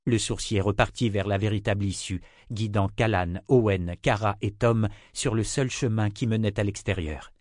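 A man with a low voice reads an audiobook chapter in a measured, expressive way. His voice sits close to the mic in a dry, dead room with no echo. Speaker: audiobook narrator. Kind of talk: scripted narration.

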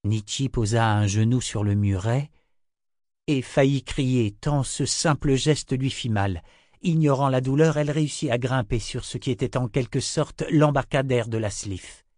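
A man reading a fantasy novel aloud in a steady, expressive storytelling manner. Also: medium pitch, measured pace, no echo, studio quality. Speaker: narrator. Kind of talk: audiobook fantasy narration.

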